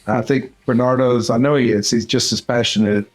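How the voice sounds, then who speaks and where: An older man from Central Arkansas speaks in a relaxed, unhurried way and fills his pauses with "uh". He talks like a veteran surgeon explaining his field in a podcast interview, with a voice in the middle of the usual male range. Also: medium pitch. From Central Arkansas, USA. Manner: unhurried, with many "uh" fillers. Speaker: dental surgeon and course mentor.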